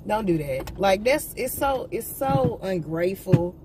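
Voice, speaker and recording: With a phone camera propped on the dashboard, a young woman who vlogs and runs a business rants to viewers from her parked car at night, blunt, animated and swearing freely. She speaks at a measured pace in a medium pitch, and the car interior's noise comes through clearly.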